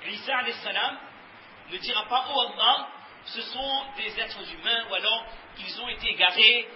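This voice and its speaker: A man preaching a lecture, reciting verses and then slowly explaining them in his own words. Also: high-pitched. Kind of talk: religious lecture with Quran recitation. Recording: echoey, dull lo-fi recording with faint hiss.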